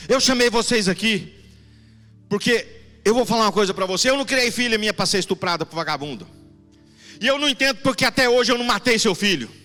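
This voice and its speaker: A man voicing a menacing, furious ex-convict father, loud and threatening, in a reverberant church hall. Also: a little high, fast talker, soft background music.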